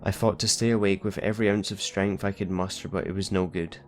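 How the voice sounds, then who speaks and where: A man narrating a horror story in a steady, measured first-person reading. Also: low-pitched.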